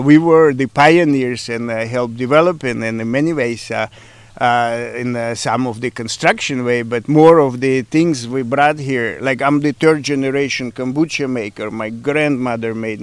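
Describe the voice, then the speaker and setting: A man's voice: mid-range voice, moderate pace, clear, resonant tone, no echo. A middle-aged man with a Ukrainian accent, answering interview questions in a casual, hesitant way with many fillers and broken grammar. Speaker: interviewee, café owner.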